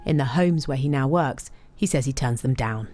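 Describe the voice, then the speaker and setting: A woman news reporter reading a scripted narration in a measured, serious way. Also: a bass voice, warm tone, faint music behind.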